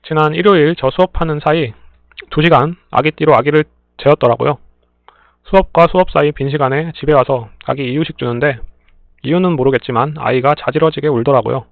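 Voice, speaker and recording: A man reading listener stories aloud in a plain, steady way, adding brief dry remarks between them. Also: fairly high pitch, a little fast, creaky, no echo. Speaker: story reader and channel host. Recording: tinny phone-like dry sound.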